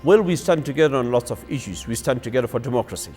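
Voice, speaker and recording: A man giving an unscripted statement in a halting way, with restarts and pauses. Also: mid-range voice, expressive, music in the background.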